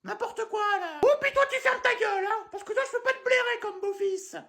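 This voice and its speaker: A man doing a shrill scolding old granny. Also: brisk, vocal fry, sharp tone, full character voice. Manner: scolding, bossy. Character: strict scolding grandmother, bossy and crude. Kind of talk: comedy sketch.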